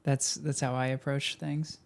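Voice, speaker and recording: Clear, smooth-voiced male podcast interviewer. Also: medium pitch, little pitch movement, unhurried. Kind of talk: casual conversational interviewing.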